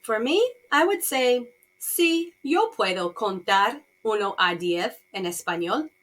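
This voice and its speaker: A Spanish teacher leads a slow, repetitive bilingual lesson for beginners, asking simple yes-or-no questions and translating each phrase. Her voice is a little high and fairly bright, animated but slow-paced.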